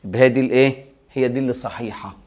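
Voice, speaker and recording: A man's voice: medium pitch, steady tone, very fast, a little mellow. A man with an Egyptian Arabic accent teaching a recorded English grammar lesson. He explains step by step and answers his own rhetorical questions.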